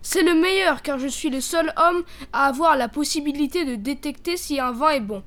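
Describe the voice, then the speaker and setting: A sly peasant man from a storybook, coaxing with a put-on sweetness in a high, light voice, as a woman reader plays him. He is crafty and bossy beneath the honey. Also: normal speed, a bit bright.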